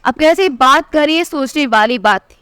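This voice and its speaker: A woman narrating a family story in the first person as a storyteller, reading every character's lines in her own voice and lifting her pitch for the quoted speech. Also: animated, normal speed, sharp tone, dry recording, studio quality. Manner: reads all the dialogue in one voice, pitch rising for quoted lines.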